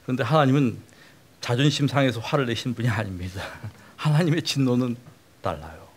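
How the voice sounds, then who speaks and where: A man's voice: medium pitch, expressive, a little fast, husky. A middle-aged male pastor giving a conversational sermon lecture, often putting questions to the congregation.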